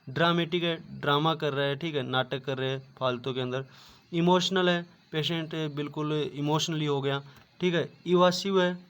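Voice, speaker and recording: A man teaching an online class, explaining step by step and often repeating filler words. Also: on the high side. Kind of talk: online lecture.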